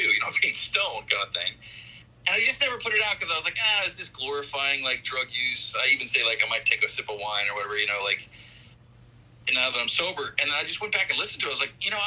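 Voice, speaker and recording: A man rambles through a casual interview, his talk loose and wandering, full of "you know" and "like". His voice is very bright and a little husky, and it swings lively in pitch. It comes through a thin phone line. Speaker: musician guest.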